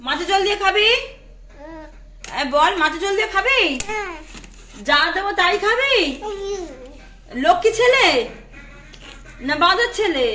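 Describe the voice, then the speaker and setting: A woman's voice: very high-pitched, lively intonation, measured pace, long pauses, noisy background. A woman with a Bengali accent filming a casual home vlog, coaxing her toddler with playful baby talk. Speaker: vlogger and mother. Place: home, indoors. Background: background music.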